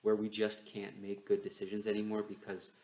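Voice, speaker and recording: A man's voice: on the low side, completely flat delivery, brisk, darkish tone. A man hosting a casual solo podcast, his enunciation slightly stiff from a sore, numb jaw. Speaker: podcast host. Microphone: newly bought microphone, not laptop mic. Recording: roomy, echoey home microphone recording.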